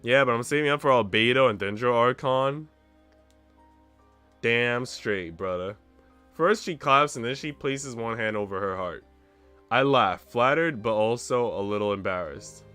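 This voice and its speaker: A male streamer narrates a visual novel's first-person story text over the game's music. His medium-pitched voice is bright, forceful, clear and resonant, and he keeps a measured pace.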